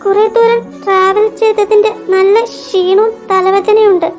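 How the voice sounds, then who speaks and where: A woman's voice: very high voice, little pitch movement, measured pace, a little mellow. A woman voicing a heartbroken young woman who hides her tears, in a fan audio drama. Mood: evasive, tearful. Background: background music.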